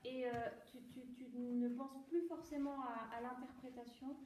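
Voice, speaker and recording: A woman with a high voice directs an audition with plain, practical notes. She sounds far from the microphone in a very echoey room, with faint room noise behind her. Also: fairly even intonation, normal speed, a little mellow. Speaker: casting director. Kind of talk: audition coaching.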